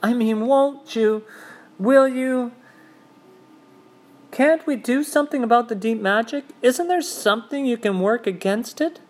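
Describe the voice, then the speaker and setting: A man's voice: extremely high pitch, a little slow, voice pushed up. A man voicing a whispering, pleading young girl. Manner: soft, breathless whispering.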